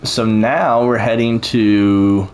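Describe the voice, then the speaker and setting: Low-voiced man chatting encouragingly. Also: fairly even intonation, slow, darkish tone, low-quality recording. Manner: encouraging, rambling with fillers. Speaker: co-host touring a theme park build. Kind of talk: casual chat over gameplay.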